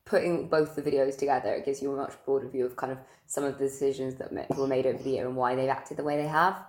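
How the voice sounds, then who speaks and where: A woman's voice: a bass voice, steady tone, quick pace, a little mellow. A woman co-hosting a podcast in casual, informal chat, loosely phrased. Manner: informal, hedging with "like" and "kind of". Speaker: podcast co-host. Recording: roomy echo.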